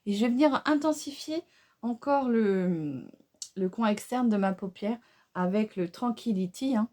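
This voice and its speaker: A woman's voice: mid-range voice, unhurried. A woman doing a casual makeup tutorial, chatty and hesitant with many fillers, talking straight to her viewers. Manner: excited exclamations over the colors. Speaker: beauty vlogger.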